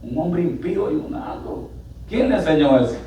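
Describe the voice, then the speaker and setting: Man preaching a sermon, animated delivery with loud bursts, somewhat high voice, church hall with heavy echo, mic set far off, faint room noise. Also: normal speed. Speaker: pastor. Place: church sanctuary. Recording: echoey church hall miked from afar.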